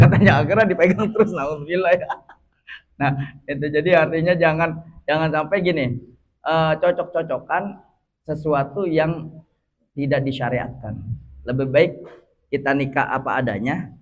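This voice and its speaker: A man giving a casual religious study talk as teacher, lively and joking with his audience. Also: mid-range voice, highs cut off. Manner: lively, jokes and laughs with audience. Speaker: Islamic teacher.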